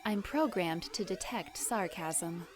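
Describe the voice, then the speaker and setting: A woman voicing a menacing ship computer in a science fiction audio drama, refusing with flat, formal courtesy. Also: fairly low pitch, slow, over music. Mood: coldly menacing. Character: eerily polite, menacing female rogue ship computer.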